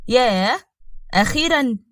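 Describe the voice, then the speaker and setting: A woman's voice: fairly high pitch, lively intonation, unhurried, a bit bright, no room sound. A woman voicing a vengeful scheming man who gloats over his plan, in Egyptian Arabic. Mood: gloating.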